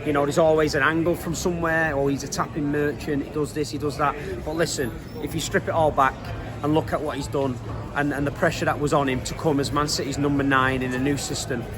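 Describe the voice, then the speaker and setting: A man's voice: on the high side, level tone, a little fast, over music. A man with a Manchester accent giving a casual, earnest interview as a football fan, using colloquial, emphatic phrasing.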